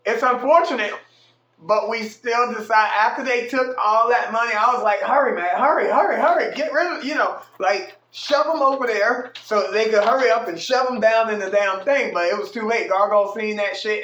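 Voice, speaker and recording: A man telling a casual story about his own night out, animated and slangy, swearing freely. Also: sits high, normal speed. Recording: echoey room.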